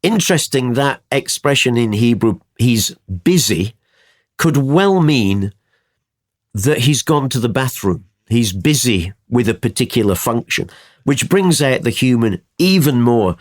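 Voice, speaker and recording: A man's voice: mid-range voice, a little slow. A man teaching from the Bible in conversation, telling the story with energy and acting out the quotes. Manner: animated storytelling, acts out quotes.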